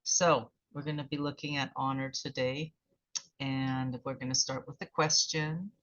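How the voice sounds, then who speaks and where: A woman hosting a relaxed online gathering, chatty and quick to laugh, heard over a video call. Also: a bass voice. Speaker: host. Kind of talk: casual group chat. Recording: dull video-call audio.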